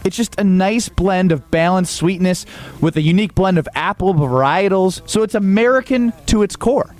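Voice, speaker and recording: A man's voice: sits high, normal speed, a little mellow. A man co-hosting a sports radio show, mixing sports talk with boisterous, hyped live ad reads. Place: radio studio.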